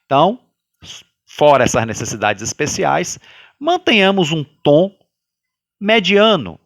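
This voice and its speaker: A man with a Brazilian Portuguese accent leading a guided religious study, talking loudly by habit and often checking in with his listeners. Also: fairly high pitch, a little slow, no room sound. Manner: animated, sways between loud and soft. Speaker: study group leader.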